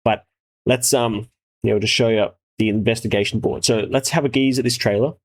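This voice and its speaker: A man's voice: mid-range voice, fairly even intonation, brisk. A man hosting a casual trailer reaction with sweary, laddish, slangy enthusiasm. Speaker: host, game developer reviewing trailers.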